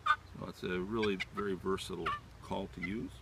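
A man in his sixties giving an informal, halting demonstration as a hunting instructor, explaining things step by step. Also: sits low, creaky, heavy background noise. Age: 60s. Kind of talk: informal outdoor demonstration talk. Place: outdoors in leafy woodland. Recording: distant mic outdoors, natural background sounds.

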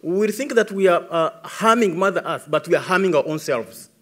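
A man's voice: high voice, expressive, brisk, fairly bright tone. A man in his thirties with a Ugandan English accent, speaking earnestly as an environmentalist answering questions at a tribunal, building emphasis as he goes. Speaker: environmentalist witness. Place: large dark conference stage. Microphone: podium microphone.

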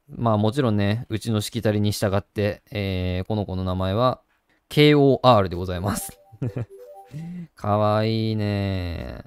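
A man's voice: mid-range voice, darkish tone. A man hosting a gaming channel, chatting casually and doting on a virtual puppy while reading the game text aloud.

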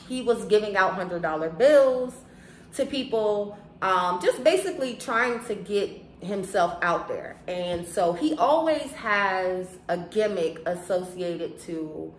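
A woman's voice: medium pitch, a bit bright. An American woman in her thirties chatting casually to camera as a vlogger, with a lisp and whistling s sounds from braces. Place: living room, indoors on a sofa. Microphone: camera a short distance away. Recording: roomy echo, faint background noise.

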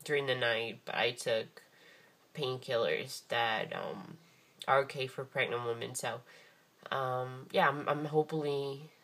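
Very low-voiced woman, hoarse and chatty. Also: measured pace, a bit bright. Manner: chatty and rambling, many ums and restarts. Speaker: craft vlogger. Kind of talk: casual craft show-and-tell.

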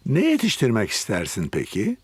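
A man voicing a gentle, kindly old grandfather pig with a husky voice in a children's cartoon dub. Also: on the low side, wildly swooping pitch, a little fast, dry recording, heavily acted.

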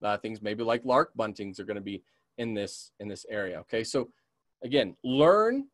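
Lively naturalist man teaching a webinar. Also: lowish voice, moderate pace, no room sound, studio quality. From American West. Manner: lively, checks in with frequent "okay?", imitates bird calls. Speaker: community naturalist teaching a class. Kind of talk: webinar lesson.

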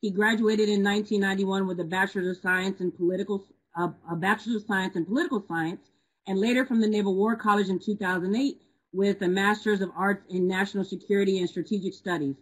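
A woman's voice: medium pitch, steady tone, quick pace, husky, poor audio. A woman moderating an online event, reading out speaker introductions with frequent hesitations. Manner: reads bios with frequent hesitations.

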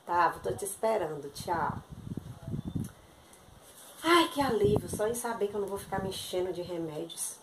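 A woman's voice: medium pitch, lively intonation, normal speed, long pauses. A woman doing a one-sided comic phone sketch, talking in a chatty, pleading and exasperated way. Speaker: content creator acting a comic sketch. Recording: echoey room with loud background noise.

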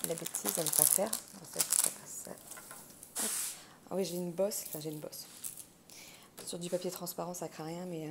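Sitting indoors at a wooden table, a woman hosts a casual craft unboxing, chatting and thinking out loud. Her voice is fairly low and gravelly with vocal fry, and the audio picks up clicks and crinkling plastic from handling.

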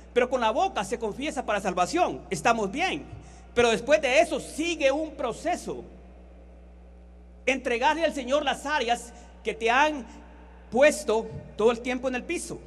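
High-voiced Honduran man preaching. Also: slight background noise. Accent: Honduran Spanish. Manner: storytelling, repeating words and phrases for emphasis. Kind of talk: sermon with anecdotes.

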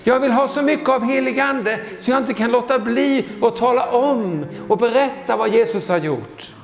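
A man's voice: extremely high pitch, gravelly. Man, 60s, charismatic preacher, joking asides, long church reverb. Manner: exclamatory, peppers talk with hallelujahs, joking asides. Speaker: guest preacher. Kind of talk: lively charismatic sermon. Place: church sanctuary.

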